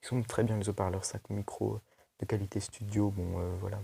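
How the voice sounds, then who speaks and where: A man's voice: lowish voice, flat delivery, brisk, creaky, dark tone, a little hiss or hum. A young man casually reviewing a tablet for his video channel, chatty and loose, full of fillers and restarts. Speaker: tech video host.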